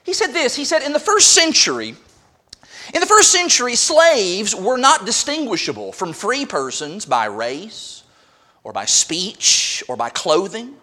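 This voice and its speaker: A man's voice: sits high, sing-song, a little slow, sharp tone. A man preaching a sermon in a church, explaining a word to the congregation and asking them questions. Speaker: pastor.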